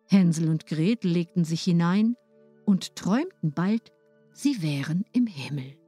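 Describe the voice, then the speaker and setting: A woman reading a fairy tale aloud, in a lively, expressive way. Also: lowish voice, dry recording, studio quality. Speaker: storyteller.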